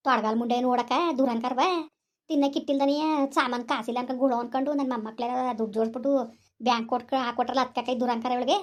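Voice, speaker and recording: A woman's voice: high-pitched, a little mellow. A woman playing a quarrelsome elderly village grandmother who scolds and rants, appealing to her listeners in a comedy skit.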